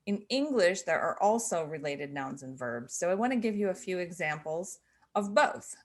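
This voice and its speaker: A woman's voice: fairly low pitch, sing-song, moderate pace. A middle-aged woman teaching a lesson, explaining patiently with fillers and self-corrections. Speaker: sign language teacher. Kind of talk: instructional explanation.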